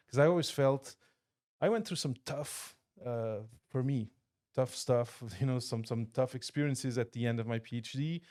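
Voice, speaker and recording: A thoughtful Portuguese man appears as a podcast guest in a studio, speaking in a medium-pitched, darkish voice. The interview is a casual chat, and he restarts often and uses many fillers.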